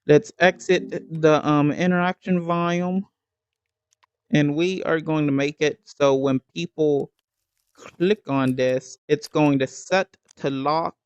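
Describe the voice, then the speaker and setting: Man, game building tutorial, slow and halting, hiccuping, smooth fairly high voice. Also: no echo, highs cut off. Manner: slow, halting, with many ums and restarts.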